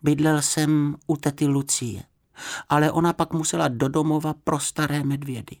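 Guy doing a tiny polite bear, high clear little voice, kinda proud and earnest, storybook reading. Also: steady tone, darkish tone. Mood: wistful. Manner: polite, self-important.

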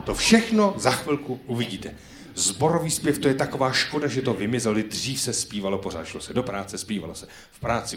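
Lively man teasing a live crowd. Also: medium pitch. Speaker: stand-up comedian hosting a live show. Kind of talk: live stand-up comedy to an audience. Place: theatre hall with live audience. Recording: roomy live hall sound.

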